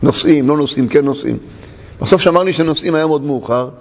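A man giving a storytelling sermon, animated and laughing often as he tells a story. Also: a little high. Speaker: religious teacher. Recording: long hall reverb.

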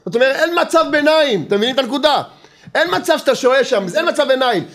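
Lively and often funny, this Torah teacher speaks in a very high voice. He keeps pressing his points over and over and poses rhetorical questions.

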